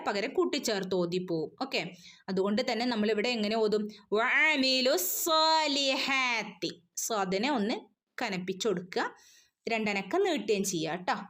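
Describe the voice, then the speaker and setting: Higher-pitched woman tutor, patient, walks students thru recitation rules online. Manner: patient, explains rules then chants verses slowly. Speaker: Quran recitation teacher. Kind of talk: online tajweed lesson.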